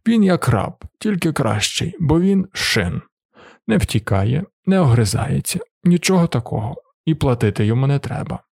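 Brief: man doing a brash, mocking male vagabond, husky and commanding, audiobook. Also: medium pitch, very animated, normal speed, darkish tone, no room sound, clean studio sound, exaggerated voice. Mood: boastful. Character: boastful crude male drifter, master of a servant.

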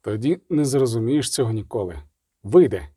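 A man voicing a grim adult male witcher who speaks in short, clipped commands, lower than his own voice. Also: animated, moderate pace, dark tone, husky, no echo, clean studio sound. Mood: curt.

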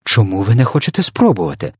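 A man's voice: on the low side, huge pitch swings, fast, darkish tone, breathy edge, no echo, studio quality, pitched above the performer's own voice, exaggerated voice. A man voicing a bold, stubborn little orphan girl who argues eagerly and exclaims. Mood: pleading, insistent.

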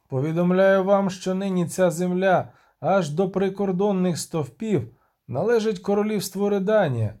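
Guy doing a harsh commander barking orders, mellow but firm voice. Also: high-pitched, pitched above the performer's own voice. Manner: proclaiming, authoritative. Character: stern male military commander, commanding and cold.

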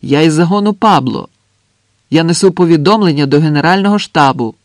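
A man reading a young partisan messenger who shouts and pleads with soldiers in a trench, in an audiobook. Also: on the high side, big pitch swings, unhurried, no room sound, clean studio sound. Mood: pleading shouts.

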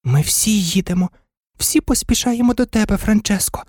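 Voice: medium pitch, moderate pace, darkish tone, dry recording, clean studio sound, voice pushed up, close to an everyday voice. A narrator voicing a small, devoted dog who eagerly talks to his lost friend in his head, in a storybook reading.

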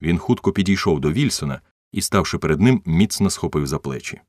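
A man narrating a novel as an audiobook reader, in an expressive storytelling manner. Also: low-pitched, a little fast, no room sound, clean studio sound.

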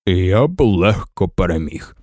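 Storybook lion, drowsy and growly, very deep booming voice, slow drawl, voiced. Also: male voice, expressive, a little mellow, no room sound, clean studio sound. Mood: sleepy, lazy. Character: sleepy lazy lion with a deep booming bass.

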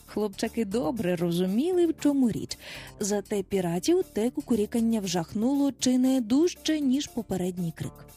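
A woman narrating a children's adventure story in a dramatic, expressive manner. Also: a little high, moderate pace, breathy edge, faint music behind.

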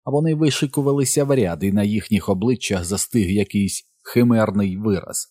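A man narrating an audiobook in a measured, steady storytelling manner. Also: on the low side, dry recording, studio quality. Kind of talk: scripted narration.

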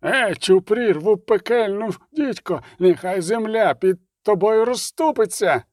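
A man voicing a frightened male village priest who stammers and howls in slow, drawn-out outbursts, in an audiobook. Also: sits high, very animated, darkish tone, dry recording, clean studio sound, voice pushed up, full character voice. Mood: frantic cursing.

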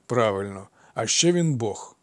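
A man reading aloud and voicing a wise old centaur teacher who talks in a calm, mock-stern, patient way. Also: on the low side, unhurried.

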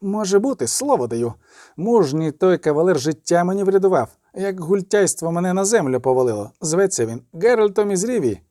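An earnest, honorable knight, as a male narrator does him, calling out loudly in a storybook reading. Lively pitch over a dark, dry voice. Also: fairly quick, no room sound. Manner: shouting, earnest.

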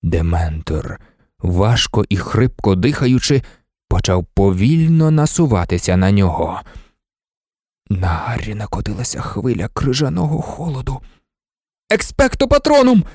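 A man narrating an audiobook in an expressive scripted reading that shifts voices for the characters. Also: on the low side, measured pace, slightly rough, no room sound, clean studio sound.

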